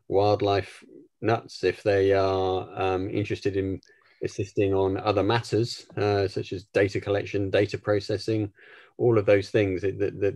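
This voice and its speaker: Flat-voiced co-host man, dry sound. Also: on the low side, no room sound. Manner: adds points to the other host, with fillers and stumbles. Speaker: co-host of the event. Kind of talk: online Q&A. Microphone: video call.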